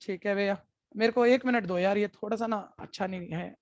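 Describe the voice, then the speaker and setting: A man's voice: high-pitched, fairly quick, no echo. A male commerce teacher explains things in a chatty lecture, repeating his key phrases and calling his students brother. The sound is dry and close, with no room around it. The recording is dull and lo-fi. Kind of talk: classroom lecture.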